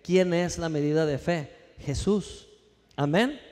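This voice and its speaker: A male pastor preaching a sermon in a church, with lively rhetorical questions and calls for the congregation to answer. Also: fairly high pitch, takes it slowly, in a large hall.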